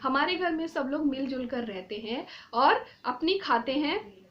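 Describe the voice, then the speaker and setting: High-voiced lady teacher going over a play line by line, kinda dull lo-fi sound. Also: expressive, a little slow. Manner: reads a line then paraphrases it plainly. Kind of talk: reading and explaining a Hindi play.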